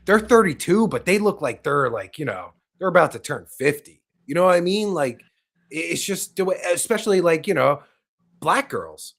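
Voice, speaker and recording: A man's voice: fairly high pitch, big pitch swings, moderate pace, gravelly, fairly bright tone. A man hosting a podcast, talking in a rambling, crude way with lots of fillers. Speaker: podcast host. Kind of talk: casual chat.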